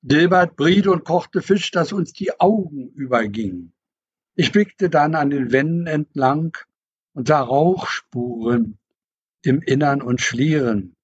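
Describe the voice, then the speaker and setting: A man reading aloud from his own novel in a reflective, measured way, on a dull lo-fi recording. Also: a little high, breathy edge. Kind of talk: book reading.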